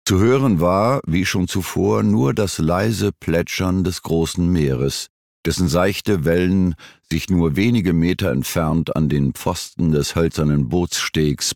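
A male audiobook narrator reads a suspense story in a measured, tension-building way. His voice is very low and gravelly. The sound is dry and close, with no room echo. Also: darkish tone. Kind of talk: scripted narration.

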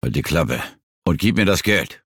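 A man's voice: rumbling low, animated, moderate pace, a bit bright, slightly rough, no room sound, studio quality, heavily acted. A man doing a scornful, violent thug. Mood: menacing. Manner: mocking, cutting, threatening.

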